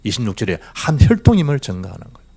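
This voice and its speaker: Male pastor in his middle years, preaching in church, hugely animated pitch, quizzing the flock. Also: racing, vocal fry, husky. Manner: animated preaching with rhetorical questions and swings from loud to hushed. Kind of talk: sermon. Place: church sanctuary.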